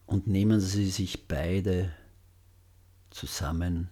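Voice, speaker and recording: A man with a deep, slightly husky voice leads a guided meditation. He speaks very slowly and gently, leaving long pauses between phrases. The tone is mellow and subdued, and his sentence endings soften. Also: fairly even intonation. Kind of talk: guided loving-kindness meditation.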